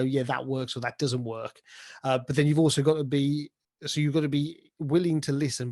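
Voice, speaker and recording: A British man who works as a pantomime dame and director answers interview questions in an informal, chatty way, often acting out examples to explain himself. His voice is mid-range with a darkish tone.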